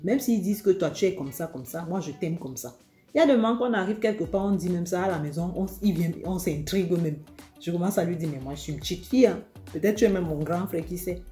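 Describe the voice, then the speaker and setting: A woman from Africa with a low, mellow voice, confiding relationship advice to her viewers. She tells her stories in a lively way and speaks straight to her audience. The room is echoey, with faint music behind her. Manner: animated, acts out dialogue, addresses viewers directly. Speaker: vlogger giving relationship advice. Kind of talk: casual confiding storytelling.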